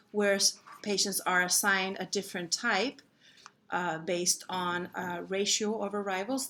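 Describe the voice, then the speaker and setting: A woman presenting an instructional walkthrough of a software model, speaking haltingly with pauses in the middle of sentences. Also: medium pitch. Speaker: presenter explaining a simulation model.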